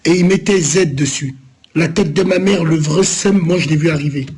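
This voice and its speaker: A man's voice: a little high, normal speed, a little mellow, husky. A man from Lyon, France, streaming live, answering viewers in a loose, rambling, teasing way full of street slang. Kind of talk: casual live-stream chat.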